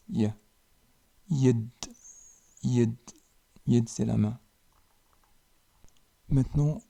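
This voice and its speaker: A man teaches a language lesson, saying each word slowly and then repeating it. His voice is very dark and mellow, with a gravelly edge. It also sounds a little husky. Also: mid-range voice. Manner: slow and deliberate, repeating each word with pauses. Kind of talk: slow spoken lesson.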